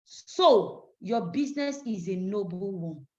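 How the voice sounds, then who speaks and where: Slow yet animated, a woman with a Nigerian English accent delivers a preachy, emphatic sales training session and acts out phone calls to make her points. The business trainer's mid-range voice has a dark tone, and the recording sounds dull and lo-fi.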